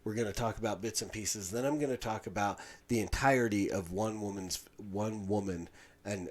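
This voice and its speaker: A man hosting a podcast, giving a halting, indignant commentary with many restarts. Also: on the low side. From Utah, USA. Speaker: podcast host. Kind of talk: casual commentary monologue.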